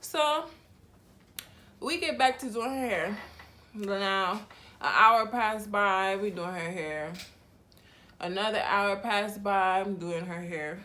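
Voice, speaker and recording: Slangy, animated woman telling a story. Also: medium pitch, slow, long pauses. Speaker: hairstylist. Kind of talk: storytime vlog.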